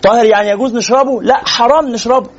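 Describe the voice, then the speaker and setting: Brief: male Egyptian sheikh lecturing, quick and animated, husky high voice, lo-fi recording. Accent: Egyptian Arabic. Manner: animated, teasing, rhetorical questions. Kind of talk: religious lecture, conversational.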